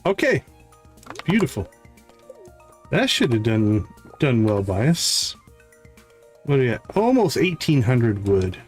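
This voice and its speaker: A man with a medium-pitched, darkish voice hosts a game livestream, thinking aloud in casual, chatty commentary as he plays a video game. Game music plays in the background.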